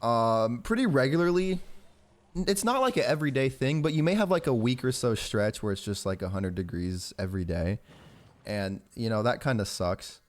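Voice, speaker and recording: Young american guy from georgia, early 20s, casual slangy gamer chat, mid pitch, rambles while playing. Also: expressive, moderate pace. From Georgia, southern United States. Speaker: gaming YouTuber. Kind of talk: casual gameplay commentary with personal chat.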